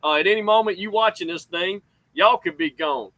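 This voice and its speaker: Male sports show host, Southern US accent, bright forceful voice, high register, folksy, excitable, close dry sound. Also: a little fast, no room sound. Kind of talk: casual, folksy solo show talk.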